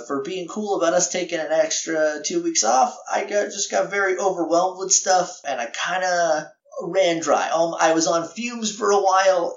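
In a reverberant recording with muffled highs, a podcast host with a somewhat high, scratchy voice rambles through casual announcements. He keeps correcting himself and laughing at his own comments.

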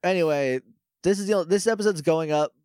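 A man's voice: a little high, fairly quick, darkish tone, dry recording. A man with a nasal, blocked-nose sound hosting a casual podcast, rambling and joking at his own expense. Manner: rambling, joking, self-deprecating. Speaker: podcast host. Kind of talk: casual unscripted podcast chat.

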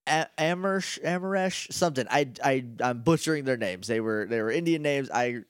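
A man's voice: mid-range voice, normal speed, clean tone, dry recording. Rambling, swearing American man, dry sound. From United States. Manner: rambling, profane, jokey storyteller. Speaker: podcast co-host. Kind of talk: casual chat.

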